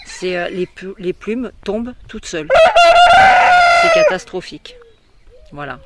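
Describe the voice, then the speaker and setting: A woman's voice: on the low side, very noisy. A French woman, a poultry breeder, talking casually into her handheld phone as she walks around outdoors and explains things. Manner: chatty, explanatory, with many fillers. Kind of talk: casual walk-through video. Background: hens clucking.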